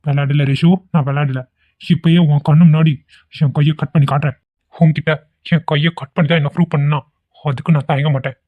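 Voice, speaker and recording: A man's voice: a little high, fairly even intonation, brisk, natural voice. A man voicing a scheming young man who is a jealous ex-lover, wheedling and theatrical in a cartoon. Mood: threatening. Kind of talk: amateur cartoon voice acting. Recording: tinny phone-like lo-fi audio.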